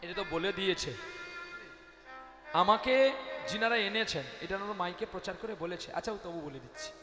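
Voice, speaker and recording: A man leads a devotional kirtan sermon, telling stories dramatically and speaking straight to the crowd. His voice sits very high. It echoes through a big hall with music playing behind. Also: normal speed. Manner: dramatic, animated, addresses the audience directly. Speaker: kirtan singer and preacher. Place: live devotional gathering.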